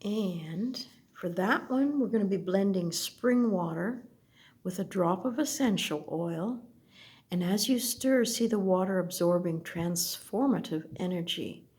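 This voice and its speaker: A woman slowly looking through an oracle deck, speaking softly and at times dropping to a whisper. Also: mid-range voice, lively intonation. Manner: soft, slow, gently admiring, drifts into whispers. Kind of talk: slow unboxing commentary.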